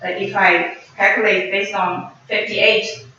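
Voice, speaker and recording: A man putting questions as a thesis examiner, in a formal but halting way. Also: high-pitched, flat delivery, bright, forceful tone. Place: large echoey room. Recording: echoey hall, distant mic, dull, faint noise.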